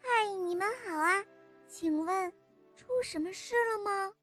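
A woman voicing a squeaky, polite little mouse in a children's story. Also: unhurried, fairly bright tone, soft background music. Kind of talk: storybook reading.

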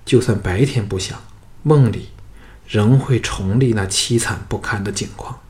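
A man reading the lines of a scheming, vengeful young noblewoman in a soft, subdued voice. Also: fairly low pitch, unhurried.

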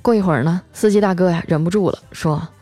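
A woman's voice: lowish voice, fast, warm tone, no echo, soft background music. A woman telling comic everyday stories in a chatty monologue, sprinkled with filler particles. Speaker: comic storyteller.

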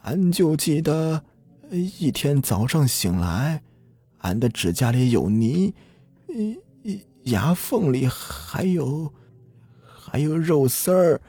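A man's voice: medium pitch, wildly swooping pitch, gravelly, mellow, slightly rough, dry recording, voice pushed up, full character voice. Man putting on a mumbling crazed old villager. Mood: mumbling tearful. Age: older. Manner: mumbling, tearful, halting.

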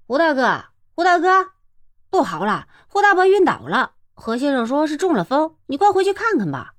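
An eager, timid young man, voiced by a woman, speaks humbly and frets in a storybook tale. His voice runs high and swings widely, dry and close. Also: huge pitch swings, normal speed, dry recording. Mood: urgent.

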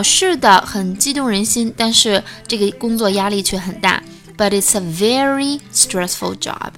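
A woman English teacher explaining everyday phrases in Chinese, repeating each English line slowly and carefully as a pronunciation model. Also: on the high side, fairly bright tone.

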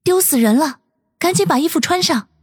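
A woman's voice: extremely high pitch, expressive, a little fast, a little mellow, dry recording, faint music behind. A woman voicing a bold young woman who scolds and teases sarcastically. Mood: scolding. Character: bold, sharp-tongued young woman, elder cousin.

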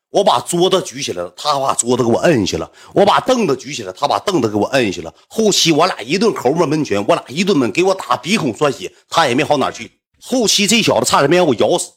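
A man's voice: medium pitch, breathy edge. A young man with a northeastern Chinese accent telling a story in a casual, slangy, boastful way, acting out the voices.

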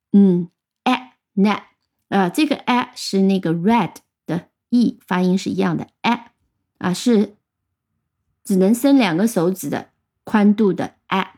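A woman with a mellow, warm voice gives an English vocabulary lesson. She explains each word patiently and spells it out letter by letter. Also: medium pitch. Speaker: English teacher.

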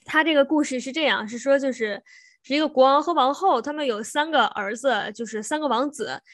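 A woman's voice: high-pitched, a little fast, a bit bright, dry recording, clean studio sound. A woman co-hosting a podcast, casually retelling a fairy tale with frequent restarts and self-corrections. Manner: meandering, self-correcting, laughs often. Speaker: podcast co-host. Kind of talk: casual storytelling chat.

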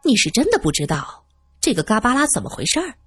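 A woman's voice: fairly high pitch, very animated, fast, a bit bright, husky, no echo, studio quality, faint music behind, full character voice. A woman voicing a bossy, distrustful woman who presses with doubtful questions. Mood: suspicious. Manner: probing, doubtful, commanding. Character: suspicious, domineering woman, quick to anger.

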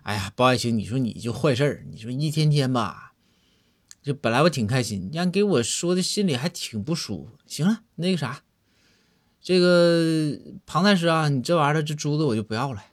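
A man's voice: a little high, animated, fairly quick, no room sound, clean studio sound, voice pushed up. A man voicing a bantering, easily exasperated emperor in a comic story. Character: indignant old male emperor, easily pleased.

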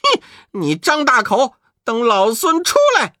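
A man voicing a brash, cocky male monkey king hero with a high, sharp, snorting delivery in a storybook reading. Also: big pitch swings, unhurried, no room sound, clean studio sound, heavily acted.

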